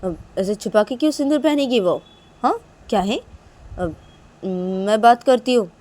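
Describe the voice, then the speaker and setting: A woman's voice: on the high side, animated, normal speed, a little mellow, pitched above the performer's own voice. Fussy worried mother, put on by a woman. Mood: concerned. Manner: fussy, repeating questions.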